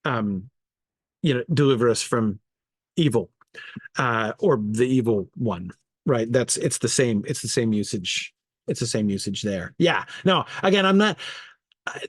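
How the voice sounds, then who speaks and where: In an informal online study group, a man with a medium-pitched voice lectures like a teacher and discusses viewer comments. He thinks aloud, hesitating, correcting himself, stressing key words and checking in as he goes. The recording is dry, with very little room sound.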